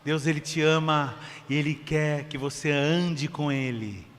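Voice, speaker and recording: A man's voice: a little high, fairly even intonation, measured pace, a bit bright, big-room sound. A male pastor preaching a sermon in a casual, conversational way, acting out the voices of church members.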